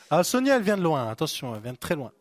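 A high-voiced man delivers an animated sermon, swinging from fiery shouting to soft, hushed coaxing. The sound is close and dry, with no room echo around him. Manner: animated, shouts acted-out inner voices, then calms to soft prayer talk. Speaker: pastor. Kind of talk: lively sermon.

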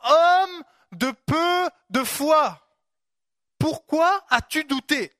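A preacher reading as Jesus, slow and emphatic. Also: high-pitched, animated, a bit bright, no room sound, studio quality, pitched above the performer's own voice, exaggerated voice. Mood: solemn. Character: Jesus, calm reassuring grown man.

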